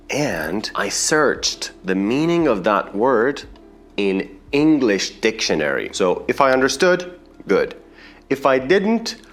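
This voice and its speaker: A young man with a Persian accent, an English teacher telling the story of how he learned the language, speaking slowly and with plenty of rises in his voice. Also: medium pitch. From Iran. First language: Farsi. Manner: animated storytelling, slow and deliberate with sudden rises. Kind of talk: personal story lesson to camera. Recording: faint music bed behind.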